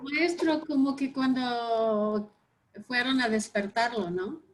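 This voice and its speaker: A woman taking part in a Bible study discussion, speaking thoughtfully and pausing to reflect. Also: medium pitch, fairly even intonation, rough recording. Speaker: study group participant.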